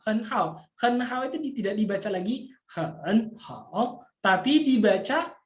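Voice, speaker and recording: A woman teaching a Mandarin tone lesson over an online class, patiently repeating examples slowly. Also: a little high, lively intonation, roomy sound.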